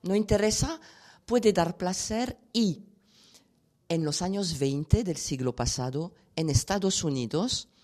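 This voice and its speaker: Woman sexologist explaining stuff, slow and easy, kinda amused. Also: fairly low pitch, a little mellow. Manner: unhurried, storytelling, amused. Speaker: sexologist guest. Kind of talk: explanatory interview talk.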